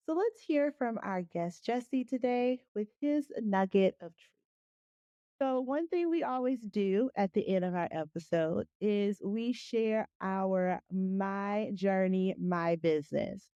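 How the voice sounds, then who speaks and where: A woman's voice: medium pitch, mellow, dry recording. A woman hosting a podcast in a casual, chatty way, encouraging and effusive with her praise. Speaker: podcast host.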